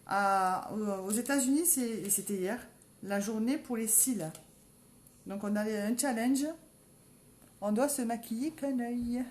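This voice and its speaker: A woman's voice: fairly high pitch, takes it slowly, a little mellow. A woman with a southern French accent, chatting casually to viewers in a live makeup tutorial and calling out to them constantly. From south of France. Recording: roomy echo, faint background ambience.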